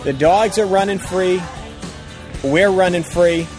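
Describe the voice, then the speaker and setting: A man's voice: high-pitched, slow pace. A man co-hosting a casual podcast outdoors, with profane, informal, upbeat banter and sponsor plugs. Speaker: podcast co-host. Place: outdoors on a ranch. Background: music.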